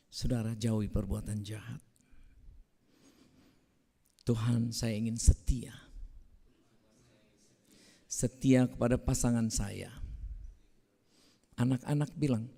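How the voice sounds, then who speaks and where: A man preaching a sermon, with a big voice that drops to hushed prayer. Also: fairly low pitch, creaky. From North Sumatra. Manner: loud voice, swings from hushed prayer to fervent exhortation. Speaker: evangelist preacher. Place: church hall. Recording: reverberant church hall.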